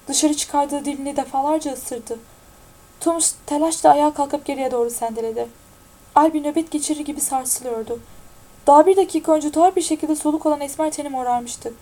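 A woman narrating an audiobook in a steady, even-toned reading. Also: sits high, brisk, low-quality recording.

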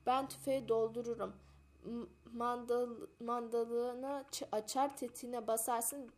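A woman's voice: a little high, fairly even intonation, unhurried, a little mellow, natural voice. A woman voicing an ill village father who scolds his son with exasperated sighs.

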